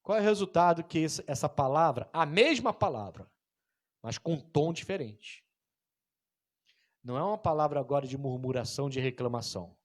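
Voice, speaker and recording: A male pastor preaching a sermon in an animated way, acting out scenes and calling for amens from the congregation. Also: fairly high pitch, moderate pace.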